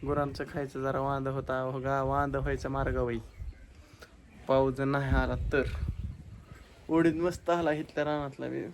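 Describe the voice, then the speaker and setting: Chatty man, flat voice. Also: medium pitch. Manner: chatty and rambling, addresses viewers as friends. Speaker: vlogger. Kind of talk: casual vlog chat to camera. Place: outdoors on a farm at dusk. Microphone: phone camera. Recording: outdoor phone audio with clear background noise.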